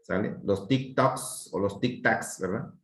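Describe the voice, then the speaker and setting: A man's voice: fairly low pitch, slow pace, fairly bright tone. A man with a Mexican accent walks students through spelling rules in a patient teaching voice. He keeps checking that the class follows along. The sound bounces around a roomy space. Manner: explains patiently, repeats checks like "¿sí?" and "¿sale?". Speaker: Spanish grammar teacher. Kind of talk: online class lesson. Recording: echoey room.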